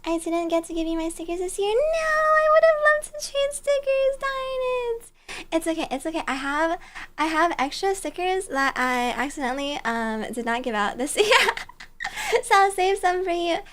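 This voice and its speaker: A livestreamer hosting as a virtual bear-girl chats casually and greets her viewers. Her very high, sing-song voice is fairly bright and moves at normal speed, bubbly, giggly, cutesy and playful.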